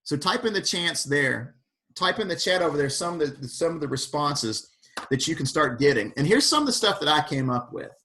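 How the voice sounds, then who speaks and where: A man's voice: fairly high pitch, normal speed. A man leading an online fire service workshop over a video call, speaking with energy and calling on attendees by name. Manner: animated, questions the audience by name. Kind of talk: energetic motivational talk.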